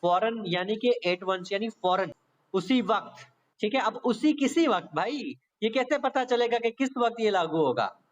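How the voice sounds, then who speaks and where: Teaching law to exam candidates, this lecturer has a Pakistani accent and a high, animated voice that moves a little slowly. He talks conversationally, repeating points and going step by step, often adding check-in tags. The recording sounds dull and lo-fi.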